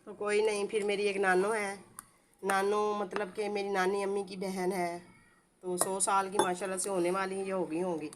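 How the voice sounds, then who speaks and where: A woman's voice: medium pitch, little pitch movement, moderate pace, background noise. Chatty homely Pakistani woman cooking. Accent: Pakistani Urdu, village Saraiki-like dialect. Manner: chatty, homely, rambling asides. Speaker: home cooking vlogger. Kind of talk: casual cooking tutorial chat.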